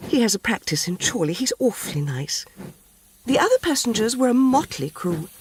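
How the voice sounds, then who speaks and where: A woman reads a dramatic first-person short story at a moderate pace in a fairly high, very animated voice, over slight background noise. With an English accent, she takes on a prim, tearful and naive 1940s English housewife who is genteel, wistful and earnest.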